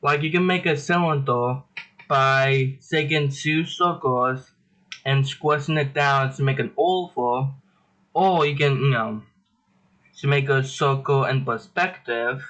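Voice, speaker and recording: A man's voice: medium pitch, takes it slowly, fairly bright tone, rough recording. A young man hosting a casual drawing tutorial, chatty and self-deprecating as he rambles through his steps.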